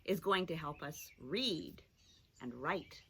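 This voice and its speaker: Woman teacher, children's phonics lesson; unhurried, clear and sing-song, a sharp bright tone. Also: low-pitched, lively intonation, slight background noise.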